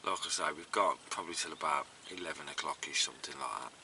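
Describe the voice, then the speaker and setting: A fishing vlogger talks casually to the camera at a lakeside, his bass voice fast and creaky, with a little hiss or hum in the recording. He sounds tired and congested, relaxed and chatty, and fills his speech with lots of fillers.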